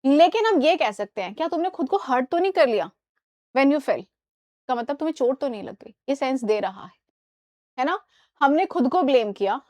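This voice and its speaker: A woman English teacher giving a live online class, explaining in Hindi and reading English examples slowly, often checking that students follow. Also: fairly high pitch, a little mellow, dry recording. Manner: asks students questions and checks understanding.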